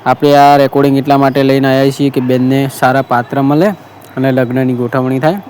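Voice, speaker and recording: A man's voice: mid-range voice, flat delivery, a little fast, darkish tone, a little hiss or hum. A man with a Gujarati accent, hosting a marriage bureau appeal, telling a story in an earnest, repetitive way and quoting the people who called him. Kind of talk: casual monologue appeal.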